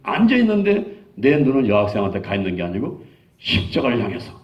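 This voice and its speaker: Animated Korean pastor in his sixties. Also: mid-range voice, quick pace. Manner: animated storytelling, acting out quoted dialogue. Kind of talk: sermon testimony. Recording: dull lo-fi sound.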